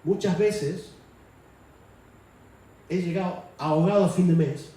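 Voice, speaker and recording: A warm-toned man with a high-sitting voice preaches unhurriedly and conversationally in a church hall. He lifts his voice to act out quotes, and the sound is echoey because the mic is far away.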